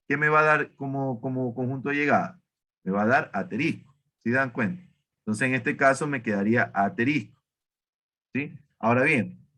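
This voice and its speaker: A man's voice: mid-range voice, fairly bright tone. A man teaching an online math class, asking students questions and often correcting himself. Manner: questioning, self-correcting, many fillers.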